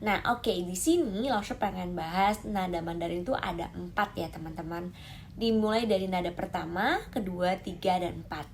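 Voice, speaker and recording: A woman's voice: on the low side, slight background noise. A woman teaching Mandarin tones in a lesson, calling out and stretching demonstration syllables. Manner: lively, drawn-out demonstration syllables. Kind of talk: explaining lesson to camera.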